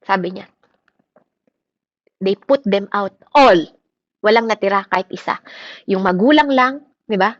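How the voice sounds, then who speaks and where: A woman preaching a sermon in mixed Tagalog and English, animated, often checking in with "di ba?" with her listeners. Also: medium pitch, measured pace, long pauses, no room sound. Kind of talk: Taglish sermon. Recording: muffled lo-fi sound.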